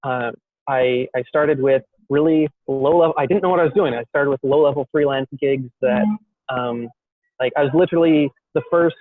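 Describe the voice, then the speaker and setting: A man's voice: medium pitch, normal speed. A young man tells his own story to an interviewer, circling back on himself with ums and restarts and poking fun at himself. His voice sits in an ordinary middle register. It comes through a thin, phone-like line with no room echo at all. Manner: self-deprecating, rambling with many fillers and restarts. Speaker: guest entrepreneur. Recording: dry, tinny phone-like call audio.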